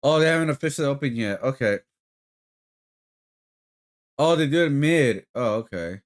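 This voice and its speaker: A man's voice: mid-range voice, lively intonation, normal speed. A man live-streaming in casual chat, rambling with lots of fillers and talking to his viewers as guys. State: hiccups.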